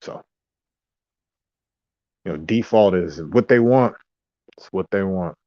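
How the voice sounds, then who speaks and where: A vlogger with a low, slow voice rambles through a casual monologue, drifting between asides and mocking imitations of other voices. The recording is dry, dull and lo-fi.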